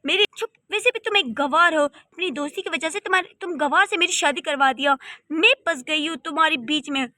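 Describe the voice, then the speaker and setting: A woman's voice: high voice, brisk, pushed and bright, no echo. A woman voicing a spoiled, haughty young rich wife in a cartoon story, scolding and scornful. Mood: angry.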